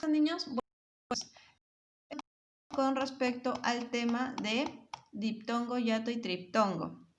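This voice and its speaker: Slow, higher-voiced woman teaching a lesson. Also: steady tone, background noise. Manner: checks in with frequent tag questions; stretches out words syllable by syllable. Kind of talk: online grammar lesson for children.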